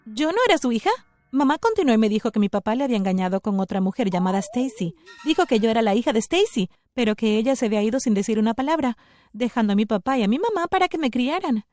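A woman narrates a scripted first-person story with an expressive delivery. Her pitch is a little high and swings widely. The recording is dry and close, with no room sound. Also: fast talker, dry recording.

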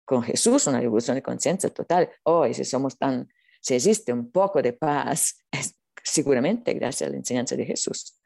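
A non-native Spanish speaker giving an earnest, unscripted spiritual talk, haltingly searching for words. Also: mid-range voice, expressive, gravelly, dark tone, dry recording, studio quality. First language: not Spanish. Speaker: spiritual teacher being interviewed.

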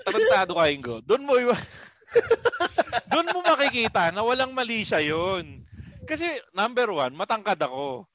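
A man's voice: high-pitched, wildly swooping pitch, moderate pace, fairly bright tone. A man co-hosting a podcast, bantering casually, teasing his friends and laughing often. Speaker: podcast co-host.

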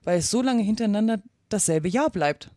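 A woman's voice: medium pitch, lively intonation, brisk, dark tone, dry recording, close to an everyday voice. Prim curious little girl, woman reading her, a bit stern, dry close audio. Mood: puzzled. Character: polite, puzzled, curious young girl.

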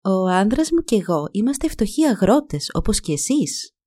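A woman's voice: mid-range voice, sing-song, dark tone, dry recording, studio quality. A woman voicing a poor neighbor woman who refuses reluctantly in a storybook reading.

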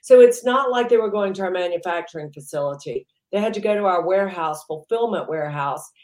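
A woman's voice: fairly low pitch, lively intonation, fairly quick, a little mellow, roomy sound. A woman entrepreneur being interviewed, chatting casually and rambling with lots of "you know" fillers. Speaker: entrepreneur guest.

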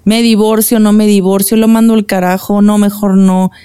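A woman's voice: medium pitch, level tone, moderate pace, warm tone, smooth. A woman with a Mexican accent co-hosting a casual podcast, teasing her friends and musing aloud in rhetorical questions. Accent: Mexican Spanish. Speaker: podcast co-host. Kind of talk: casual chat.

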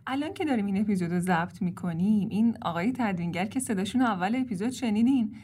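A woman's voice: mid-range voice, animated, warm tone, slightly rough. A woman co-hosting a dental podcast in a casual, playful, joking chat. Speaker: podcast co-host.

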